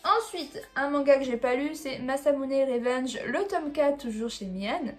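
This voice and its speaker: A woman's voice: sits high, animated, measured pace, soft background music. A woman chatting casually as she reviews her new manga, rambling with frequent fillers and small laughs. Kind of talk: casual chat about a manga haul.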